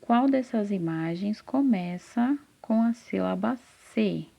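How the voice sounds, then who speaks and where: A woman teacher leads a reading lesson for small children and draws out each syllable at an unhurried pace. Her voice is warm and slightly gravelly. The recording sounds a little dull and lo-fi. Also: mid-range voice, lively intonation. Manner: slow, patient, repeats syllables, asks and answers her own questions. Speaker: literacy teacher. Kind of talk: slow, patient remedial lesson for first graders. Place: classroom with a whiteboard.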